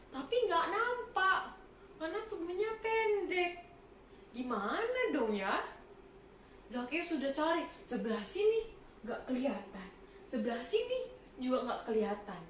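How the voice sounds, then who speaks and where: Woman, Sunday school teacher, animated children's storytelling, unhurried, roomy sound. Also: extremely high pitch, a little hiss or hum. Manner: animated, asks children questions.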